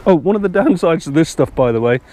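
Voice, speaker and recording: A man's voice: fairly high pitch, lively intonation, quick pace, mellow. Chatty older man fishing outdoors. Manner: chatty, rambling, self-deprecating. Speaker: angling vlogger. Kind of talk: casual talk to camera. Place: outdoors by a fishing lake in strong wind.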